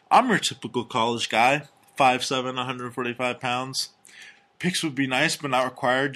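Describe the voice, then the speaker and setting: A man co-hosting a casual comedy podcast, reading strange news stories and personal ads aloud with crude, deadpan jokes. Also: medium pitch. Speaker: podcast co-host.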